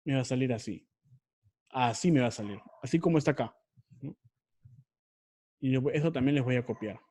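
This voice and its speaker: A man's voice: medium pitch, fairly quick, dark tone, husky. A man teaching an online research class, explaining step by step and often repeating or correcting himself.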